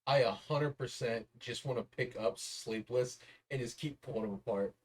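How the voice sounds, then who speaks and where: A man's voice: mid-range voice, normal speed, far from the mic. A man playing a tabletop game, rambling in amused musing during casual chat. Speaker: player.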